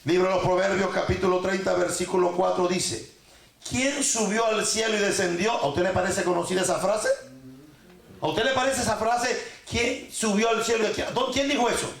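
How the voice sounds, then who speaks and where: A man preaching and teaching a congregation, joking as he corrects pronunciation and drags words out slowly to repeat them. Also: high voice, steady tone, gravelly, reverberant, slight background noise. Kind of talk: sermon teaching.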